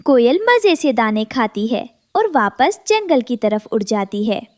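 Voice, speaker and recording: High-pitched woman narrating a children's story. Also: big pitch swings, measured pace, no room sound.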